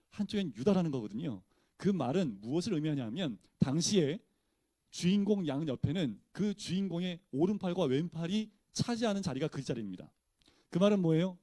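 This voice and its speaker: A man's voice: fairly high pitch, mellow, dry recording. A male pastor teaching a Bible study in a casual, conversational way, often posing questions to his listeners and answering them himself.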